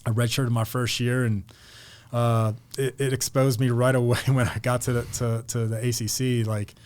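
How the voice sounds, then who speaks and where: A middle-aged man from Pennsylvania talks as a podcast guest, his stories loose and full of restarts. His voice sits at an ordinary mid pitch and his delivery stays relaxed and conversational. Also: moderate pace. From Pennsylvania, United States. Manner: rambling, with many restarts and repeated words. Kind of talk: casual storytelling interview.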